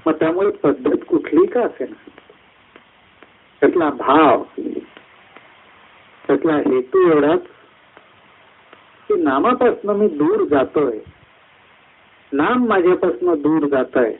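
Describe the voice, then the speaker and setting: Husky man giving a lively devotional talk. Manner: rises high in lists of spiritual words, slows on key phrases. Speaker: satsang speaker. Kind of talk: devotional discourse. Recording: tinny phone-like line.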